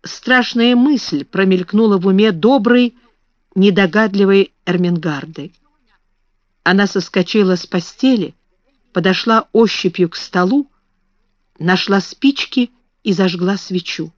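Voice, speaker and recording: Woman storybook narrator, slow measured reading, dull dry lo-fi audio. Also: mid-range voice, no room sound.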